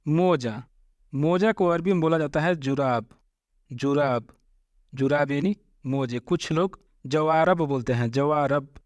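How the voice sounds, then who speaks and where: A man teaching vocabulary, repeating each word slowly and addressing viewers as friends. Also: on the high side, darkish tone, dry recording. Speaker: Arabic language teacher. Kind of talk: vocabulary lesson.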